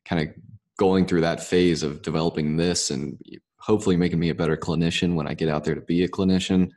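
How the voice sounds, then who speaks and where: A deep-voiced man co-hosting a podcast, talking in a relaxed, rambling way. His tone is easygoing and conversational. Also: fast. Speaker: podcast co-host, student clinician. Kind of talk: casual podcast chat.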